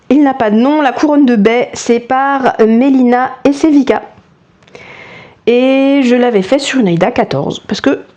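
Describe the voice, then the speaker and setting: Casual woman vlogger, higher register, self-deprecating and talkative, lapel mic at home. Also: darkish tone. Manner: chatty, self-mocking, lots of restarts and fillers. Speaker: cross-stitch vlogger. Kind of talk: casual chat.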